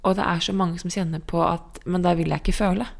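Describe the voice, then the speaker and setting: A woman's voice: fairly low pitch, steady tone, vocal fry. A woman co-hosting a podcast, speaking in an earnest, reflective way in casual conversation. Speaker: podcast co-host.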